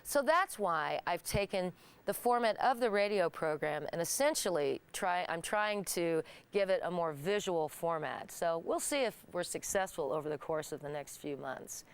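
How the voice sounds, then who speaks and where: Middle-aged Midwestern woman host, low-ish smooth voice, careful clear delivery. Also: animated. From Kansas, United States. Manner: clear, deliberate speech for learners. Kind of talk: monologue to camera.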